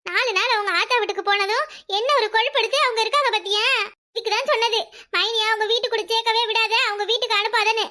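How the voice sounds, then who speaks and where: A woman with a Kanyakumari Tamil accent voicing a young cartoon daughter who is loyal and quick to take offence. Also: extremely high pitch, fairly even intonation, sharp tone. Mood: consoling, indignant. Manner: questioning, indignant.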